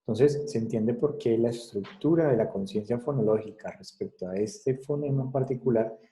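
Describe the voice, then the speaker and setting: Very dark-voiced male lecturer. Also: medium pitch, rough recording. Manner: explanatory, checks understanding with frequent tag questions. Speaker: psychology lecturer. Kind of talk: recorded class lecture.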